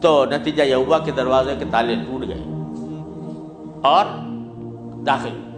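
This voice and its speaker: A man's voice: mid-range voice, fairly even intonation. A man giving a sermon in an earnest, exhorting manner, reciting verse and prayers between his explanations. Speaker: religious speaker. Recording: echoey room with music behind.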